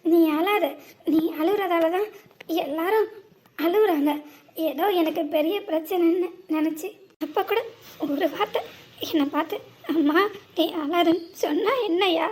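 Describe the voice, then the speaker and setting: A woman's voice: extremely high pitch, unhurried, long pauses, darkish tone. A woman voicing a weary, downcast young man in a cartoon, talking in a glum, dismissive way. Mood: hurt. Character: grown grandson, downcast and weary. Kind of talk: cartoon voice acting.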